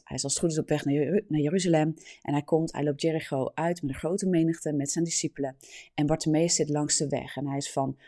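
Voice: medium pitch, dark tone. A preacher giving an earnest, explanatory sermon, often adding a questioning tag to sentences.

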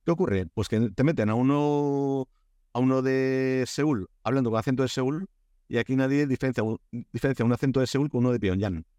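A man's voice: medium pitch, fairly quick, smooth, dry recording. A man from Spain with a Spanish accent, a guest in a casual podcast interview, telling stories with lots of fillers and restarts. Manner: animated storyteller, many restarts and fillers. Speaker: guest, Korea expert.

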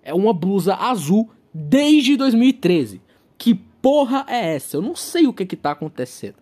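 A man's voice: high voice, big pitch swings, moderate pace, a little mellow. A young Brazilian man with a Brazilian accent, delivering a profane comic rant monologue. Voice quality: profane, ranting.

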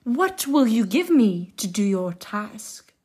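A woman voicing a droll, hobbling little male dwarf who bargains slyly, drawing out his words in a slow sing-song. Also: on the high side, big pitch swings, darkish tone, breathy edge, pitched above the performer's own voice, heavily acted. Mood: wheedling. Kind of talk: storybook reading.

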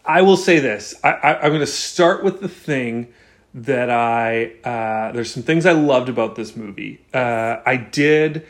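A man's voice: medium pitch, unhurried. A man hosting a podcast, talking casually about films with many restarts and fillers. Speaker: podcast host. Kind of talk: casual film chat.

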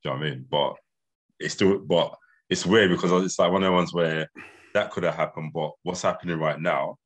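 A man's voice: deep voice, fairly even intonation, fairly quick, slightly rough. A man with an urban London roadman accent, chatting casually in slang as a podcast co-host. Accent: London, urban street. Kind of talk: casual chat, street slang.

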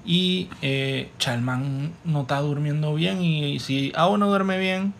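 A man's voice: a little high, measured pace, creaky, slight background noise. A man with a Panamanian Spanish accent hosting a podcast in a casual, playful, slangy way. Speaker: podcast host; stand-up comedian.

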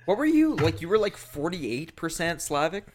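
A man's voice: fairly high pitch, big pitch swings, moderate pace, slight background noise. Crude, laughing streamer guy. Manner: jokey, crude, laughs often. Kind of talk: casual stream banter with friends. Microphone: close-up microphone.

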